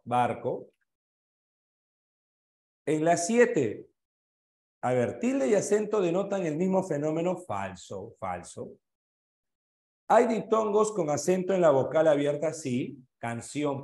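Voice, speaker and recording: Slow-talking Peruvian teacher, echoey room. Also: male voice, a little high, a little mellow. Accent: Peruvian Spanish. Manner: checks answers item by item, asks students questions. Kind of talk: online exam review class.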